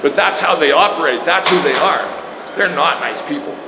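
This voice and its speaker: An older Canadian man records a rambling political vlog on a phone mounted on a selfie stick, speaking loudly, emphatically, and often indignantly. His voice is a little high at a normal speed, and he moves from outdoors to indoor stairs and a hallway whose echo brings long reverb and noise.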